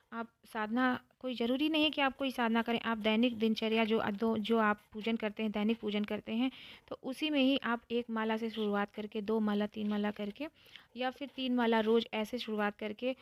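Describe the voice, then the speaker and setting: A woman giving a calm devotional talk, explaining step by step and repeating phrases for emphasis. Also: fairly high pitch, no echo. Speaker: spiritual teacher.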